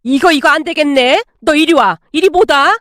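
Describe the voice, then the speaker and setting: A woman voicing a hot-tempered mother-in-law in her sixties who scolds and shouts in anger, in a story read aloud. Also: sits high, moderate pace, dry recording, clean studio sound. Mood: furious scolding. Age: 60s. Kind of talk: storytelling with acted dialogue.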